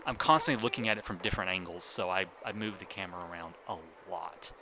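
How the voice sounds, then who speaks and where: A man's voice: low-pitched, fast talker, lo-fi sound, a crowd in the background. A man streaming a building game live, chatting casually to himself and his viewers as he builds. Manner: relaxed, talks to himself while building, chats with viewers.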